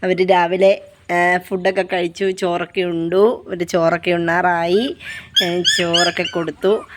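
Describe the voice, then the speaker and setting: A woman's voice: fairly low pitch, steady tone, a little slow. Woman from chatting about her puppies. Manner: talks softly and coaxingly to the puppies, repeating herself. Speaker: vlogger caring for puppies. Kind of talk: casual chat to camera. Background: puppies whining.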